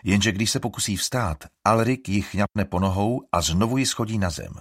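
A male audiobook narrator with a fairly low voice reads a scripted text in an expressive storytelling style. The recording is dry and studio quality.

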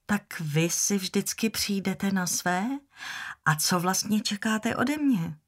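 A woman's voice: medium pitch, pitched above the performer's own voice, natural voice. A woman voicing Scarlett, fiery young belle. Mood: coaxing. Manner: indignant, rising and loud. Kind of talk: audiobook character voice.

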